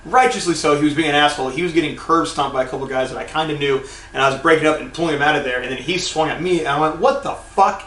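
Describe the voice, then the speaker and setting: Young guy podcast host rambling thru a wild story, cussing, kinda high voice, echoey distant mic. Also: fairly even intonation, racing, hardly any pauses, slight background noise. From North Carolina. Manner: rambling, swearing, acts out quotes loudly. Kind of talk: casual storytelling.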